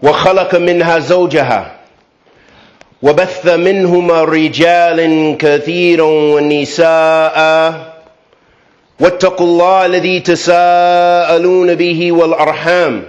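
A man with an American accent delivering a mosque sermon, switching from fast chanted Arabic openings to slow, measured English. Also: on the high side, steady tone, lo-fi sound. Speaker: imam giving a Friday sermon. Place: mosque prayer hall.

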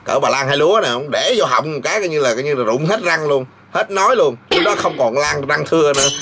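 A man's voice: on the high side, animated, fast talker, noisy background. A man hosting his vlog, ranting sarcastically and scolding, breaking into laughs mid-sentence. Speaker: vlogger host. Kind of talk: mocking commentary rant.

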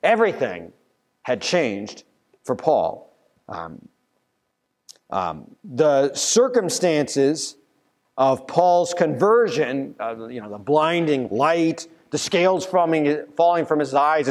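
Young guy preaching at a pulpit, slightly high voice, big church echo. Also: animated, slow pace. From United States. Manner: earnest storytelling, with restarts and fillers. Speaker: pastor. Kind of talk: sermon. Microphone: pulpit mic from a far camera. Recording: long church reverb.

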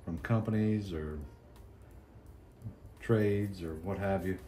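A Southern-accented man with a low, deep voice hosts a relaxed unboxing chat. He talks slowly, halting often with ums and restarts. Soft music plays faintly behind him. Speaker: cigar channel host.

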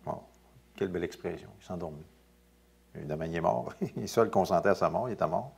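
A male pastor with a Quebec French accent preaching a sermon, reading scripture aloud and commenting in quieter, casual asides. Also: low-pitched, quick pace, vocal fry, slightly rough. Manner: lively preaching, rising loud on scripture then dropping to quiet asides.

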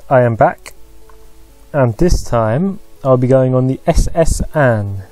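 A man's voice: mid-range voice, animated, takes it slowly, mellow, dry recording, soft background music. A man hosting a let's play, giving casual commentary and reading game text aloud with wry remarks.

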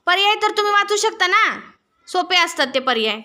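A woman teaching a class, who explains each word slowly and drills the students with questions. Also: very high-pitched, sing-song, pushed and bright. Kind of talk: classroom lesson.

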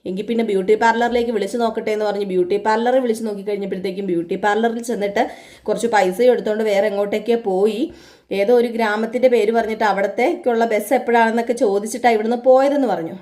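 A woman's voice: fairly high pitch, fairly even intonation, quick pace, mellow. A woman host casually recapping a TV serial for her channel, talking in a rambling, colloquial way with many fillers and restarts. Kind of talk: casual chatty storytelling recap.

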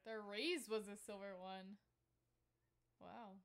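A young woman streaming a game, chatting softly and giggling often, with a slight sore throat and a little cough. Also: medium pitch, steady tone, slow pace. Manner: soft-spoken and giggly. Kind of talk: casual gaming stream chat.

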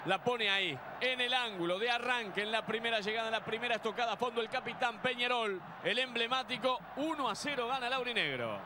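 A man's voice: very high-pitched, quick pace. A man analysing a football match live, emphatically, in short repeated phrases. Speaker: football colour commentator. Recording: loud stadium noise behind the voice. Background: football stadium ambience.

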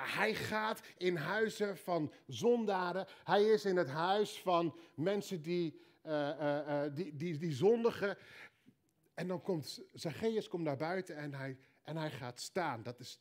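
A man with a Dutch accent preaching a sermon, telling a story with punchy repeated lines and quiet joking asides. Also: sits high. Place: church hall.

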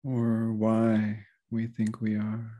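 In this guided meditation, the male teacher's voice sits on the low side and his delivery is completely flat. He speaks gently and unhurriedly, with long pauses.

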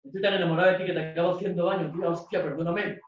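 A man's voice: high-pitched, flat delivery, very fast, highs cut off, lightly acted. A woman acting out a possessive, moody young boyfriend who talks in a sulky, dismissive way, recorded from a distance in an echoey room. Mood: pleading.

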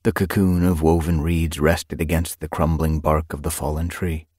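A man narrating an audiobook with expressive, animated storytelling. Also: a bass voice, normal speed, dry recording, studio quality.

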